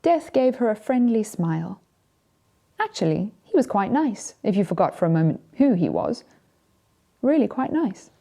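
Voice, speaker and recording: A drag storytime host reading to children in a gentle, theatrical, deliberate storytelling manner. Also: medium pitch, very animated, creaky.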